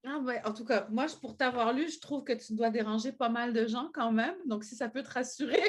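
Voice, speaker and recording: A woman's voice: on the high side, brisk. A woman hosting an online panel, musing and restarting her sentences. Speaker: host.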